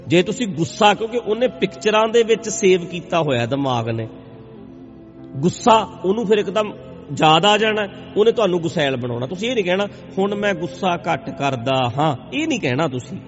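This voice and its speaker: A man preaches to his listeners, pushing the same points again and again with direct appeals. His fairly high voice rises and falls, livelier than most. The sound is a bit muffled and rings in a long hall echo over faint music. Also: fairly quick. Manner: animated, repetitive, exhorting listeners. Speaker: motivational speaker. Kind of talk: spoken sermon to an audience.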